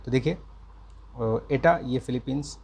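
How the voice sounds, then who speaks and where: A man teaching an exam-prep lesson, speaking slowly and carefully and checking in with the listener again and again. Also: mid-range voice, vocal fry, a little mellow, a little hiss or hum. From India. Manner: slow, careful speech with repeated check-ins. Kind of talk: casual exam-prep lecture.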